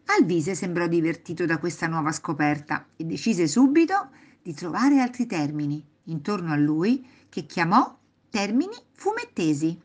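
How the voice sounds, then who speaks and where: A woman reads a children's story aloud in an expressive, sing-song way. Her voice is fairly low, but her melody swings widely from phrase to phrase. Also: normal speed.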